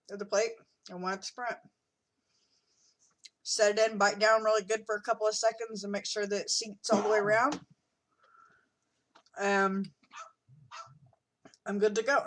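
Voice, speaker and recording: A woman's voice: medium pitch, fairly bright tone. A middle-aged woman chatting casually in a video diary, with many fillers and restarts, sometimes talking while she eats. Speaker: vlogger.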